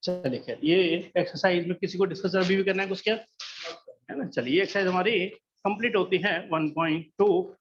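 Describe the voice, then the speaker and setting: A man's voice: sits high, normal speed, lo-fi sound. A man teaching a math class, patient and coaxing, often checking that students follow along. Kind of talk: classroom lesson.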